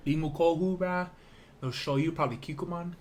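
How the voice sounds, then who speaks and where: A man's voice: fairly high pitch, fairly even intonation, fairly quick, slight background noise. A man from Hawaii chatting like a brash frat bro on a podcast, slangy and profane. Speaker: podcast co-host. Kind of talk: casual group podcast chat.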